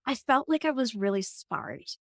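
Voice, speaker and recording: A woman's voice: a little high, big pitch swings, normal speed, vocal fry, no echo. Earnest, reflective woman guest, dry sound. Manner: earnest, reflective, frequent "like" fillers. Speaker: podcast guest, coach. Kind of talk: conversational storytelling.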